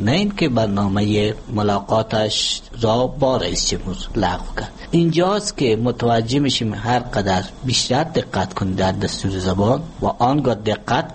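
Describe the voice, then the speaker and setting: Measured Afghan-accented man explaining grammar. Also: fairly low pitch, slight background noise. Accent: Afghan Dari. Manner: measured, lecturing with frequent hesitations. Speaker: language expert guest. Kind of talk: explanatory interview answers.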